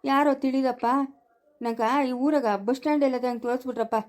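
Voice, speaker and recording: A woman's voice: sits high, steady tone, fast talker, a little mellow, natural voice. A woman doing a confused old village grandpa. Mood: suspicious. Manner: grumbling, suspicious. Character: confused forgetful old village man, stubborn.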